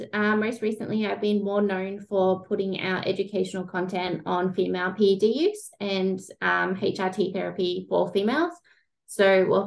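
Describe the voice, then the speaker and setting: Gravelly Australian woman, chatty guest. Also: medium pitch. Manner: relaxed, chatty, self-deprecating with filler ums. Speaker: guest, online coach. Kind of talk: casual interview chat.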